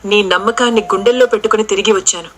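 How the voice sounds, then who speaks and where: A woman doing a betrayed young wife, high and anguished. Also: steady tone, racing, a bit bright, natural voice. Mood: hurt. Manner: pleading, anguished. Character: young wife, loyal, hopeful then betrayed.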